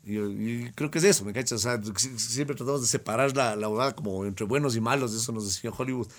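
A man's voice: medium pitch, fast talker. Man guesting in a loose chat; rambles, jokes at his own expense, laughs a lot. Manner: rambling, self-mocking, laughs often. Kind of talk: casual chat.

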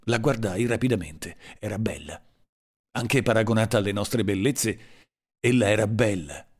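A man reading a literary story aloud in a slow, dramatic and measured way. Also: fairly low pitch, a little mellow. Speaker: audiobook narrator. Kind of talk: scripted literary narration.

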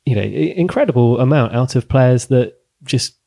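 Gravelly-voiced male podcast host. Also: medium pitch, animated, warm tone. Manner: hesitant, halting. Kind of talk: casual football chat.

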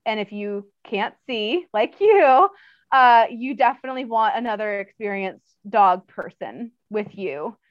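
A woman's voice: medium pitch, animated, measured pace, no echo. A woman who trains dogs, speaking as an interview guest in a casual, chatty way, full of fillers and laughter, on slightly dull audio.

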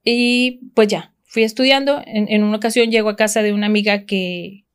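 A woman's voice: medium pitch, fairly even intonation, moderate pace, smooth. A woman from Mexico, a podcast guest, telling a personal story in a casual, rambling way with frequent restarts.

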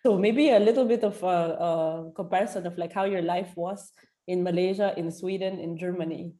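A woman's voice: lowish voice, steady tone, brisk, warm tone. A woman hosting a casual interview, asking long, rambling questions full of fillers and restarts. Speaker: interview host.

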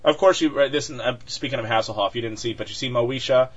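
A chatty male podcast host keeps up a quick pace in casual conversation, using many fillers and restarts and laughing a lot. His voice is medium-pitched, and the sound is dull and lo-fi.

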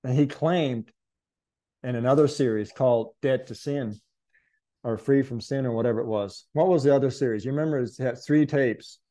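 A man's voice: medium pitch, moderate pace, warm tone. A man earnestly recounting a spiritual experience as an interview guest, reflective and searching for words. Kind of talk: conversational testimony.

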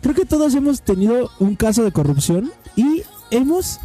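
A man's voice: very high-pitched, sing-song, normal speed, faint music behind. A young man with a Mexican Spanish accent, trading crude, teasing banter with friends in casual chat. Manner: loud, teasing, crude slang.

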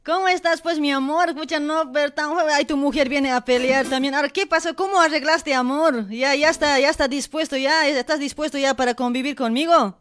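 A woman's voice: high voice, steady tone, fairly quick, hardly any pauses, fairly bright tone. A woman playing a lovesick, demanding girlfriend in a comedy radio sketch, coaxing and repetitive. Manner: coaxing, repeats words.

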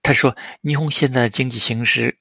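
A man's voice: medium pitch, steady tone, fairly quick, gravelly, pushed and bright, slightly rough, no room sound, clean studio sound, heavily acted. A man doing a modest young scholar. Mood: deferential. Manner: polite, deferential. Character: young male doctoral student, modest and cautious.

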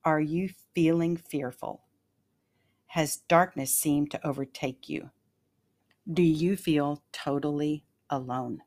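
Low-voiced woman, earnest devotional host. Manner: calm, earnest and measured, slowing on key phrases. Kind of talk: scripted devotional narration and personal story.

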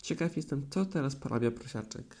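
A man's voice: mid-range voice, expressive, a little fast, a little mellow. A man voicing a kindly but firm mother kangaroo in a storybook reading, coaxing and motherly. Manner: coaxing, bossy-sweet.

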